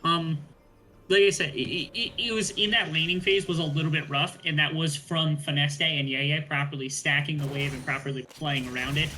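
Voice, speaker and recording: A man's voice: on the high side, fairly even intonation, normal speed, bright, forceful tone, poor audio. A man giving color commentary on an esports match, breaking down plays analytically with frequent ums and uhs.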